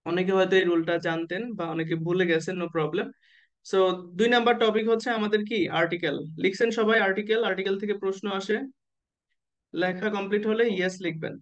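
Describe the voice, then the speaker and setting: A man tutoring nursing exam candidates in an online class, who keeps asking the students questions and slowly spells out letters and abbreviations. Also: sits high. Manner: asks the class questions and waits for answers.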